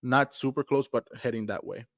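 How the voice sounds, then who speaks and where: A man's voice: medium pitch, fairly even intonation, moderate pace, fairly bright tone, no echo, studio quality. A young man from Mexico, co-hosting a podcast in a loose, rambling casual chat full of fillers. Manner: laid-back, rambling with many fillers. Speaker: podcast co-host.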